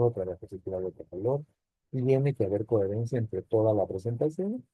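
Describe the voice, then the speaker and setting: A man's voice: medium pitch, no echo, phone-quality sound. A man teaching a university class, explaining step by step and checking in with rhetorical questions. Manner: explanatory, addresses students directly with rhetorical questions. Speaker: university lecturer. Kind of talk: recorded online class lecture.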